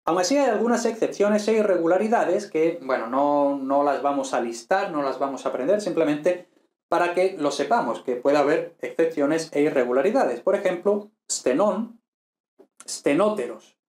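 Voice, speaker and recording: A man's voice: on the high side, moderate pace, darkish tone. Spanish-speaking man teaching, roomy sound. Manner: patient, repeats points with frequent "¿vale?" and "¿no?". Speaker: ancient Greek teacher. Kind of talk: explanatory online lesson.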